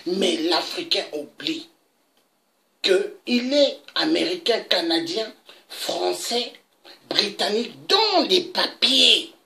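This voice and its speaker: Indignant woman with a lively, gravelly voice. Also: slow pace. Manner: emphatic, indignant, with dramatic pitch leaps. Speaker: political commentator. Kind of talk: impassioned political monologue.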